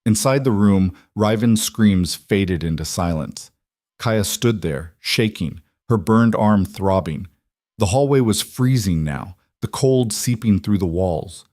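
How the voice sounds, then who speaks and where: A man reading a dark fantasy romance with measured, dramatic storytelling. His voice sits low, and the recording is dry and close with no room sound. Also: lively intonation, no room sound. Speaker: narrator. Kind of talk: scripted audiobook narration.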